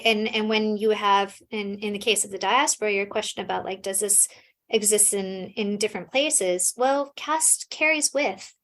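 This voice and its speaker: This is a woman from the US, a scholar being interviewed, whose mid-range voice has a somewhat bright quality. Her casual answers are thoughtful, peppered with fillers and frequent restarts.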